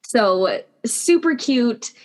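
A woman's voice: a little high, lively intonation, very slow, darkish tone. A young woman teaching an online class over a video call, chatty and upbeat with lots of "like" and "um". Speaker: guest instructor.

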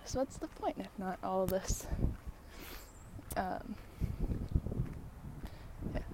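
American woman chatting amid clear traffic noise. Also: medium pitch, expressive, extremely slow, warm tone, poor audio. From San Diego, United States. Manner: musing and effusive, laughs easily. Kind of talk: casual rambling solo chat. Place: outdoors on a walk near traffic. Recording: outdoor traffic noise, passing vehicles. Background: passing trucks and ambient noise.

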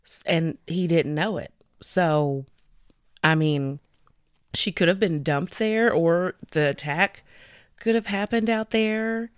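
Low-voiced woman podcaster. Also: clear, resonant tone, no echo, studio quality. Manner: conversational, chatty with fillers, reads details slowly. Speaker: podcast co-host presenting cases. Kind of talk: casual true-crime podcast chat.

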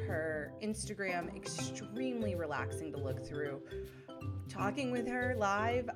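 A woman hosting an interview show, gushing and enthusiastic, talking in quick bursts full of "like". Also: lowish voice. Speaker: podcast host. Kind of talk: casual interview.

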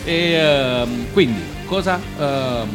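A man's voice: mid-range voice, drawn-out words. A man hosting a radio show with jokey, casual live banter, rambling and stumbling over words, often laughing as he talks. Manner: clownish, laughs while talking. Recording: music behind the voice. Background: music.

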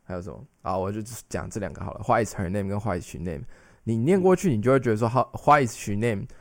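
Low-voiced chatty man. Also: lively intonation, quick pace, dry recording. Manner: rambling, many restarts and English switches. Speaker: podcast co-host. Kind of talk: casual chat.

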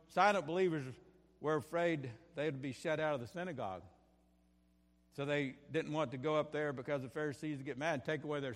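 A man preaching from a church pulpit, his voice carried by the long reverb of the sanctuary. He swings from fervent, rising bursts to hushed asides, doubling back on his phrases as he drives each point home. His pitch sits mid-range for a man. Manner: impassioned, rising and falling in bursts, repeats phrases. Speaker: pastor. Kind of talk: sermon.

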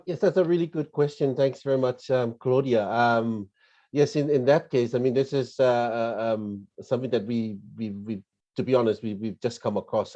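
A man's voice: fairly low pitch, warm tone. A man giving hesitant, polite, unscripted answers as an interview guest, searching for words, on dull lo-fi audio. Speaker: interview guest, tourism representative.

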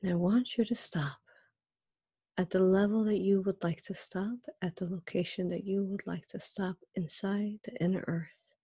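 In a dry recording, a medium-pitched woman leads a guided meditation. Her breathy, gentle delivery is hypnotic and calming, built on slow, repeated phrases.

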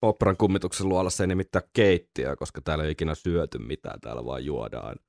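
A man's voice: very deep voice, no room sound, clean studio sound. A man co-hosting a podcast, chatting casually and laughing often. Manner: laughs often, relaxed banter. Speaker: podcast co-host. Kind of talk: casual chat.

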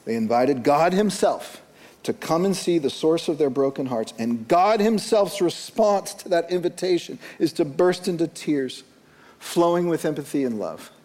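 Slow, earnest preaching man, slightly high voice. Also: lively intonation, long reverb tail. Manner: slow and deliberate, dropping soft then rising emphatic. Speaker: pastor. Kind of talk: sermon.

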